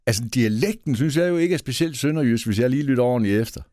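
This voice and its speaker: A man's voice: medium pitch, expressive, a little mellow, no echo, clean studio sound. A man hosting a podcast interview, friendly and full of fillers as he asks questions. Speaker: podcast host.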